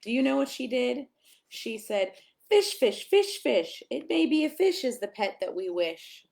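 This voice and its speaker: A woman with a fairly high voice and a touch of vocal fry reads a picture book aloud for children's storytime, sounding expressive and sing-song, with emphatic pauses and little comments to the listeners.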